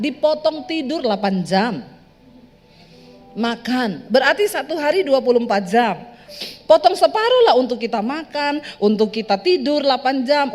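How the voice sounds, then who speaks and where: A woman pastor preaching a sermon in a lively, joking way, speaking straight to her congregation. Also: high-pitched. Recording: reverberant hall with soft music.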